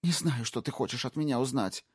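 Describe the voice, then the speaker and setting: A man voicing a terrified young wife held hostage, who speaks in a shrill, pleading, panicked voice. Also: brisk, husky, no echo, clean studio sound.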